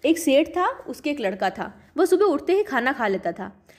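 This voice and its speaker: A woman's voice: high voice, very animated, moderate pace, darkish tone. A woman, narrating devotional folk tales in a plain, homely storytelling tone.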